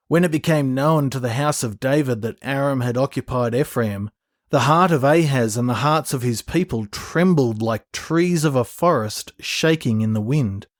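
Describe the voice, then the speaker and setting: A man's voice: medium pitch, dry recording, clean studio sound. A man, a podcast host, teaching from the Bible in an earnest, explanatory scripted narration, reading passages aloud.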